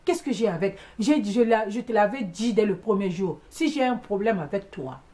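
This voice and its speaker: A woman's voice: mid-range voice, normal speed. Emphatic woman telling a story. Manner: animated, emphatic, repeats words for stress; mixes in English exclamations. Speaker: vlogger recounting a household conflict. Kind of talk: casual storytelling monologue.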